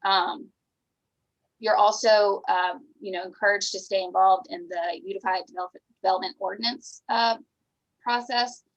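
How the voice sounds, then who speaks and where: An American woman city planner explaining the planning process clearly in a public meeting. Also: medium pitch, steady tone, moderate pace, low-quality recording.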